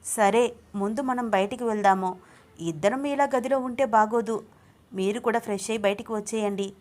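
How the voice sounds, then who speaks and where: A woman voicing a young wife in a storybook reading, shy but quick to scold in a high, loud voice. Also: close to an everyday voice. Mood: light. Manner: scolding, shrill when annoyed.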